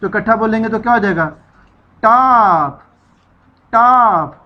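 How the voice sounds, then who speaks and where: A woman's voice: fairly high pitch, slow, highs cut off. A woman teacher giving a children's reading lesson, stretching out syllables and repeating each sound for the children to echo.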